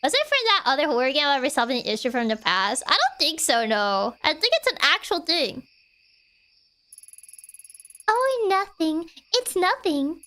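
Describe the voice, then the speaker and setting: A woman's voice: high-pitched, big pitch swings, fast, hardly any pauses, bright, forceful tone. A woman game streamer giving casual, playful live commentary in a chatty, giggly way.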